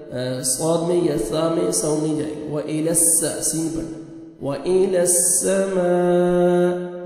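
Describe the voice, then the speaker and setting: A man teaching Quran reading. He explains the rules quickly, then spells out and chants the verses slowly. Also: a little high, warm tone. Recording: very echoey, reverberant room with faint music.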